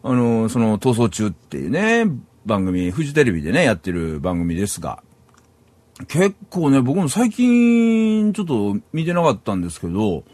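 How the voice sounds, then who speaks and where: A man's voice: medium pitch, wildly swooping pitch, moderate pace, a little mellow, no echo. A middle-aged man from Saitama, Japan, hosting a solo podcast in a rambling, casual way and chuckling at himself. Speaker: podcast host.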